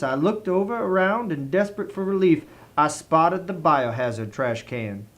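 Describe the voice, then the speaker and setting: A man with a Southern US accent narrates in a fairly high voice. His delivery is genteel and theatrical, treating a comic review as a dramatic tale.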